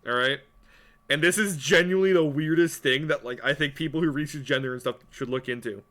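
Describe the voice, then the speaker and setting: Young guy, podcast co-host, bright tone, rambling and profane. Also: fairly high pitch, a little fast. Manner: rambling, profane, filler-heavy storytelling. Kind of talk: casual chat.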